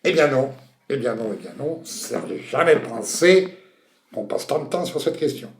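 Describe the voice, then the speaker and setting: A man of ordinary pitch hosting a comic quiz show. He announces questions and scores in a playful, teasing way, and the recording has a roomy echo. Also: expressive, brisk, a little hiss or hum.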